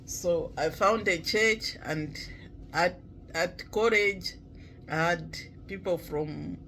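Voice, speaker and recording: A man from Malawi, talking slowly and reflectively in a casual vlog, with many pauses and fillers. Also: high voice, sharp tone, a little hiss or hum, poor audio. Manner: halting, many pauses and "you know" fillers, clears throat often. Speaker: vlogger.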